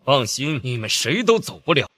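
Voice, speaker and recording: A man playing a contemptuous, bored alien machine exterminator in an animated drama, haughty and disdainful. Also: mid-range voice, normal speed. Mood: threatening. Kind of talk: dramatic animated story acting.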